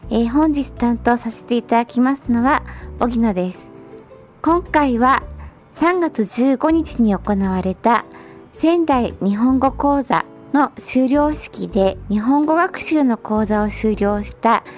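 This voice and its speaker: A woman's voice: on the high side, takes it slowly, soft background music. A woman hosting a radio interview show, formal, courteous and encouraging as she asks her guest questions. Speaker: radio host.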